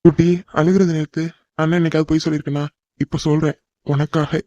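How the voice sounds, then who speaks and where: A man voicing a teasing older brother in a cartoon family, calm and brotherly with the youngest sibling. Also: fairly high pitch, fast talker, no room sound, muffled recording, natural voice. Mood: soothing. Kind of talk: cartoon voice acting.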